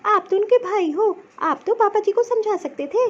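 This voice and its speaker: A woman's voice: very high voice, expressive, moderate pace, highs cut off. A woman voicing an outspoken young daughter-in-law who scolds her family in a cartoon story. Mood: insistent. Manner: insistent, scolding.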